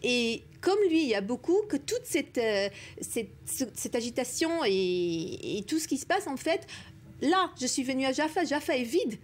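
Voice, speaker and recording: High-voiced emphatic woman panelist. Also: sing-song. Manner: emphatic, rapid, with many restarts. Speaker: panel guest. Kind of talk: TV news debate.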